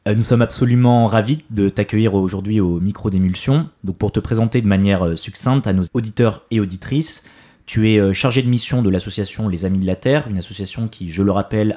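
A man hosting a podcast, reading a prepared introduction of his guest. He talks fast, in a mellow, dark tone and a fairly low voice, with a few fillers. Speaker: podcast host. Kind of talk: interview introduction.

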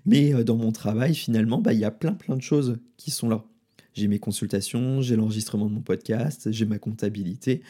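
A man hosting an advice podcast, talking straight to the listener in a relaxed, informal way with frequent fillers. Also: mid-range voice, husky. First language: French. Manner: informal, addresses listener directly with filler words. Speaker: podcast host and wellbeing consultant. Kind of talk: casual advice podcast monologue.

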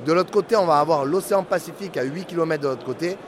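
A man with a Marseille accent, a brand ambassador giving a quick, assured product presentation at a tasting stand. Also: noisy background. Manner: fast, assured sales pitch. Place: indoor rum fair. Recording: loud crowd at a busy fair.

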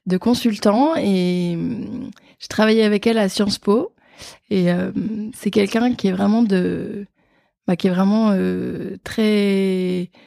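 A woman talks as a podcast guest about her fundraising work. Her voice has a gravelly edge, and she often pauses on fillers. The recording is dry and close. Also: mid-range voice, steady tone, warm tone, no echo. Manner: hesitant, many fillers. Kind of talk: casual interview.

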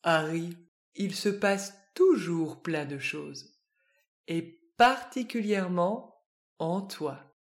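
A woman voicing a wise, calm little earthworm in a children's storybook, speaking softly and thoughtfully. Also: on the low side. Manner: soft, slow, thoughtful.

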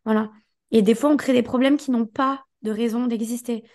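Hoarse woman giving emphatic coaching. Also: on the high side, fairly even intonation, moderate pace, darkish tone. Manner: emphatic, coaching tone, speaks directly to the listener. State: hoarse, partly lost voice. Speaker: podcast co-host. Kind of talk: casual motivational podcast chat.

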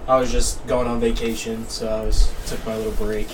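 A young American man talks sports in a laid-back, slangy frat-bro way. The chat is casual, recorded with clear noise in the background. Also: medium pitch, little pitch movement, fairly quick. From United States, Midwest. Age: young adult. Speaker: sports podcast co-host. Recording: clearly noisy room.

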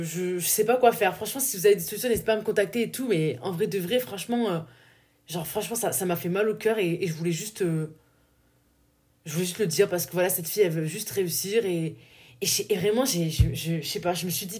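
A woman's voice: mid-range voice, darkish tone. Chatty southern French woman podcaster. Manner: chatty, filler-heavy, laughs at herself. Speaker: podcast host. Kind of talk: casual solo podcast talk.

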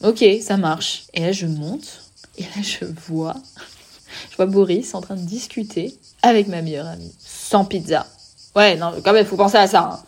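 A young woman tells a personal story on her podcast in a loose, animated, slang-filled way, constantly turning to address the listener. Her voice has a soft husky, breathy edge and sits at an ordinary middle pitch. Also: a little slow. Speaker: podcast host.

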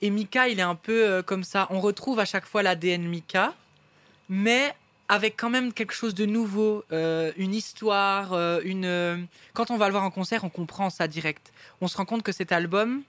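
A man's voice: high voice, normal speed, fairly bright tone, dry recording. A man, chatting as a guest singer in an interview in a restaurant, enthusiastic and rambling with many restarts. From Belgium. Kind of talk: casual interview chat.

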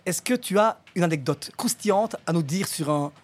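A man's voice: a little high, expressive, normal speed. A man hosting a casual interview, enthusiastic and encouraging, full of praise for his guest. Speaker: interviewer, podcast host.

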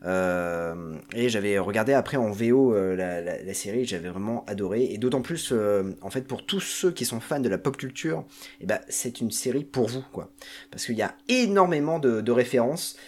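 A man's voice: mid-range voice, animated, normal speed. Hesitant man chatting on a podcast. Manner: hesitant, many filler sounds and restarts. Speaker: podcast panelist. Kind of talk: casual podcast chat presenting a series.

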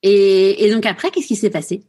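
A woman's voice: medium pitch, steady tone, normal speed, dark tone, slightly rough. Woman host asking hesitant questions. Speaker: podcast host. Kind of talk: casual interview chat.

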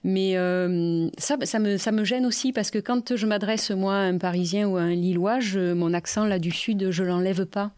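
A woman's voice: medium pitch, normal speed, few pauses, darkish tone, clean tone, no echo. A woman with a Languedoc accent in a group discussion, hesitant and agreeable as she answers another speaker. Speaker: discussion participant.

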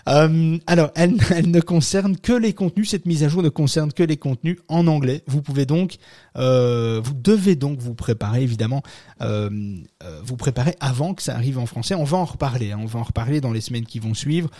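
A man's voice: medium pitch, fairly quick, dark tone, dry recording, clean studio sound. A francophone man hosting a live podcast from home, explaining casually with many fillers and restarts, laughing at his own asides. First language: not French-born, francophone. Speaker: podcast host.

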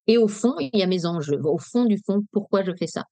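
Lively French woman coaching negotiation. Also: medium pitch, brisk, no room sound. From Nice, France. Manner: lively, direct, explanatory. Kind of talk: webinar talk. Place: webinar, dry room.

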